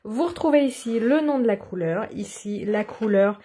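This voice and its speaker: A woman with a slightly husky voice talks through her craft in a relaxed, chatty way. She explains step by step, filling pauses with small hesitations. It is a casual tutorial recorded at her desk at home. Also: mid-range voice. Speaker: watercolor craft vlogger.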